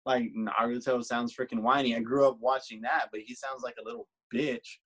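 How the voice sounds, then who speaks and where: Husky man ranting casually. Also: medium pitch, moderate pace, rough recording. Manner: animated ranting, swears freely. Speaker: podcast co-host. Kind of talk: casual chat.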